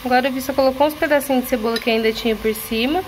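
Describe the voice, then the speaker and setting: A woman's voice: high voice, racing, slight background noise. Chatty young woman filming a kitchen vlog. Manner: chatty, addresses viewers directly, praises and prompts her partner. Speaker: channel host filming her husband cooking. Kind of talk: casual home cooking vlog. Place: home kitchen.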